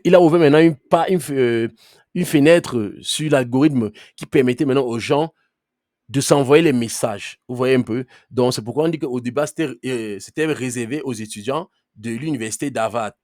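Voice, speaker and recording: Teaching a live online class, this trainer has a medium-pitched, slightly mellow voice captured at studio quality with no echo. His manner is conversational, with frequent "ok?" check-ins, but he is firm with latecomers about muting their microphones.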